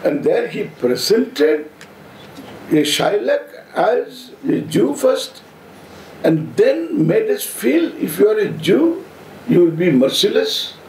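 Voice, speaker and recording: Elderly man, South Indian accent, spiritual teacher, high swooping pitch, halting playful delivery, roomy echo. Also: big pitch swings, a little mellow. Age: 70s. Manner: deliberate, halting phrases, playful humour. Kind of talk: informal spiritual discourse. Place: seated on stage before an audience, indoors. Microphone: stand microphone close in front. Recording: roomy echo, audible background noise.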